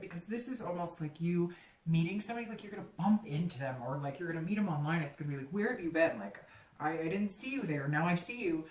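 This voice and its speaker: A woman's voice: fairly low pitch, reverberant, distant mic, rough recording. A woman giving a chatty, rambling tarot reading, full of fillers and restarts. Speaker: tarot reader.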